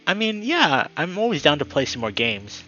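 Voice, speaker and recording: A man with a fairly high voice, speaking at a moderate pace, live streams while switching between friendly chat and reading a story aloud. He is upbeat and friendly and gets excitable when greeting viewers, and the audio sounds dull.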